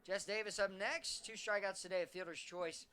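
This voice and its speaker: A man with a high voice calls baseball play-by-play as the team's announcer at a normal speed. His call stays steady but picks up energy whenever there's a hit.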